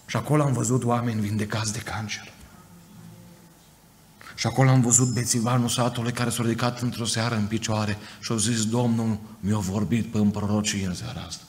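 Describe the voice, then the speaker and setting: Low-voiced preacher in an echoing church. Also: male voice, fairly even intonation, a little mellow. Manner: emphatic preaching with acted quotes. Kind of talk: Pentecostal sermon. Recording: church hall reverb, faint noise.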